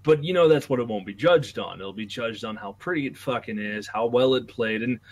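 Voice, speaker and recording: A man's voice: mid-range voice, a little fast. A man hosting a podcast, talking through news casually with strong opinions and swearing. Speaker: podcast host.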